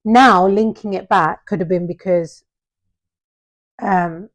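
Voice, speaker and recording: A woman's voice: fairly low pitch, steady tone, takes it slowly. A woman co-hosting a casual podcast, talking earnestly in long, explanatory run-on points. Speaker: podcast co-host. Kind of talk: casual chat.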